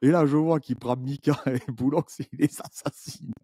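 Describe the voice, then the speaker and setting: A man, a YouTuber guest on a podcast, telling stories in an animated, chatty way with many restarts. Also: mid-range voice, moderate pace, slightly rough, dry recording, studio quality. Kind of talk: casual podcast chat.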